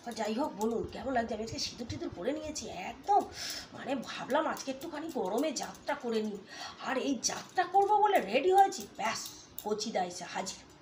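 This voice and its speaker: A woman's voice: on the high side, animated, fairly quick, a little hiss or hum. A woman vlogging casually to a phone camera in a small room at home, playful and chatty, her voice a little stuffy from a cold. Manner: chatty, playful, talks softly at times. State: has a cold, sore throat.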